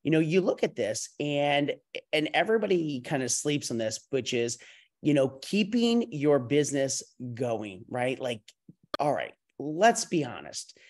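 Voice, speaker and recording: A man's voice: on the high side, big pitch swings, unhurried. A middle-aged man leads a panel over a video call, his voice caught by a webcam in a wood-paneled room at home. He rambles in loose, casual talk, starts sentences over and drops in a curse word now and then. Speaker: company CEO hosting a panel.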